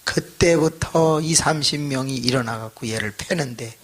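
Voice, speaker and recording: A man pastor preaching a revival sermon, telling a story with animated, acted-out voices. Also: mid-range voice, moderate pace.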